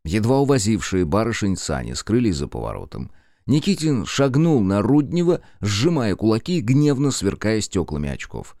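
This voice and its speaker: A man narrating an audiobook in a low, mellow voice. His reading moves lively up and down in pitch. The recording is dry and close. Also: normal speed, no echo. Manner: expressive storytelling.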